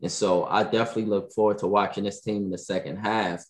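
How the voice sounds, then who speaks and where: A man hosting a morning sports talk podcast in casual chat, animated and often repeating himself. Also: fairly low pitch, fast talker. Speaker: podcast host.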